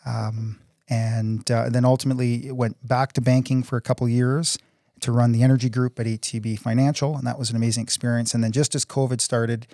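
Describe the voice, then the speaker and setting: A man's voice: mid-range voice, little pitch movement, a little fast, warm tone, dry recording, studio quality. A man in his forties, a city council candidate answering interview questions in an earnest, upbeat way, often repeating words as he goes. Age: 40s.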